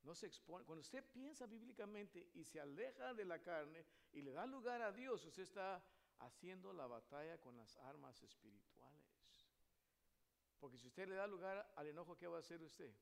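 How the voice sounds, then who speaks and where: A male pastor preaching a sermon, asking his congregation questions and moving between loud emphatic lines and quiet hushed ones. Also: on the high side, lively intonation, moderate pace, creaky. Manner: addresses the congregation with frequent rhetorical questions.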